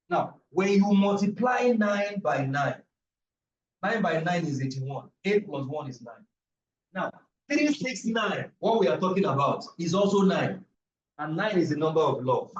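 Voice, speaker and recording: A man's voice: fairly high pitch, lo-fi sound. A man, from Africa, teaching numerology and esoteric ideas in a live online class, taking questions and stressing points by repeating them. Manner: emphatic, repeats key phrases, preacher-like.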